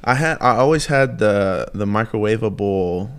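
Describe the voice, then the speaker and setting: A man's voice: lowish voice, expressive, normal speed, clear, resonant tone. A young man co-hosting a podcast, telling stories in a laid-back, rambling way and saying "like" a lot. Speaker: podcast co-host. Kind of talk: casual chat.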